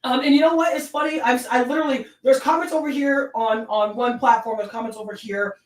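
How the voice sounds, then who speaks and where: Animated Southern woman ranting about sports. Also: on the high side, brisk, roomy sound, recorded from a distance, rough recording. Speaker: sports show host. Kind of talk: solo sports talk stream.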